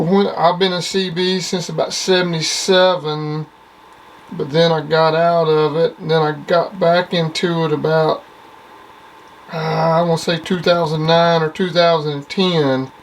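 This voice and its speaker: A plainspoken CB radio operator, middle-aged or older, chats casually at his home base station, using CB jargon over and over. He speaks at a measured pace in a voice on the high side, on a low-quality recording with faint background noise.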